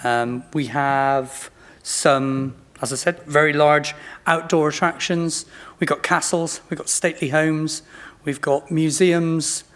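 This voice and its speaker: Higher-voiced British RP man, late fifties. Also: steady tone, takes it slowly, a bit bright. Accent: modern British RP. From Bristol, England. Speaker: company representative presenting. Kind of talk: informal product presentation.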